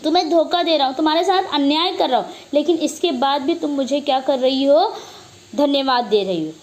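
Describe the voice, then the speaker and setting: A woman reading the part of an angry male employer, shouting and sputtering with a voice that trembles with rage. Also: high voice, brisk, lightly acted. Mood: furious shouting. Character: angry male employer who cheats his governess.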